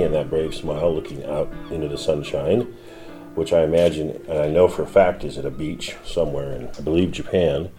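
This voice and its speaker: A middle-aged man, a defense attorney, telling a personal story in an interview in a reflective, measured way with pauses. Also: extremely low pitch, warm tone. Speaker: defense attorney, former prosecutor. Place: his law office.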